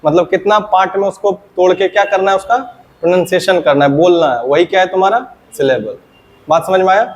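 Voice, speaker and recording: A fairly high-pitched man teaching English grammar, talking his class through a lesson. He keeps posing questions and answering them himself, dropping lower on each answer. A faint hum of ambient noise sits behind him. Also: quick pace. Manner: often checks understanding.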